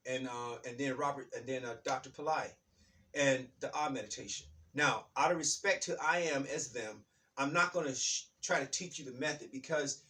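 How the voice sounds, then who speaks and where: A man's voice: medium pitch, sharp tone. A man hosting his own spiritual self-help channel. He talks in a rambling, repetitive way and often restarts his phrases. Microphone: self-recorded on his own device. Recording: voice distant from the microphone.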